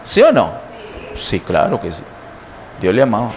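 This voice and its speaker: A male pastor preaching slowly and emphatically, asking the congregation rhetorical questions. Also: fairly low pitch, wildly swooping pitch. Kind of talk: sermon. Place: church sanctuary. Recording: long church reverb, faint noise.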